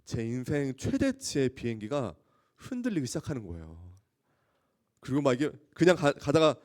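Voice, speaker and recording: A male youth pastor delivers a sermon to high school students. His pitch moves widely as he tells stories. He keeps turning to the listeners with questions and acts out scenes with loud exclamations. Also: normal speed. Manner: animated storytelling, often asking the audience questions.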